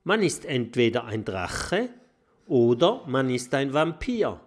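A man's voice: mid-range voice, big pitch swings, takes it slowly, pitched above the performer's own voice. Storybook role: man voicing a smart dragon teacher, firm, schoolmasterly. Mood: lecturing. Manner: firm, explaining. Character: clever, know-it-all dragon teacher.

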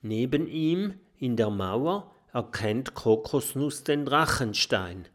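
A man narrating a children's storybook in an expressive storytelling manner. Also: mid-range voice, slow. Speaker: audiobook narrator.

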